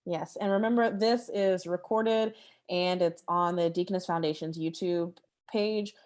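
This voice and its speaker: Relaxed, chatty woman hosting a video meeting. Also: fairly low pitch, unhurried. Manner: relaxed, chatty, laughs easily. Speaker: meeting host. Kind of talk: casual chat. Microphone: video call.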